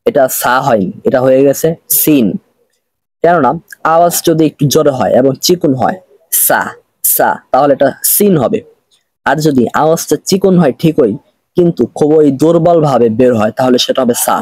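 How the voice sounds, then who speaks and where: A man with a Bangladeshi accent leads a slow recitation lesson in Arabic reading, spelling out each letter and repeating every drill. His voice is mid-range and a little mellow, at a moderate pace, with no echo.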